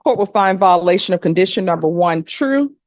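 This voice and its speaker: A woman's voice: on the low side, expressive, brisk, a little mellow, dry recording. Stern woman judge in a courtroom, close sound. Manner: stern, plain-spoken, admonishing. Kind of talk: courtroom questioning and lecturing in a courtroom.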